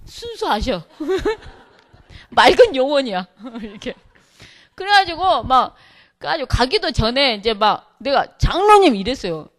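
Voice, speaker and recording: A middle-aged woman, a pastor's wife, telling a humorous church testimony with lively storytelling, acting out what others said. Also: sits high, measured pace. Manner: lively storytelling, acts out quotes, laughs often.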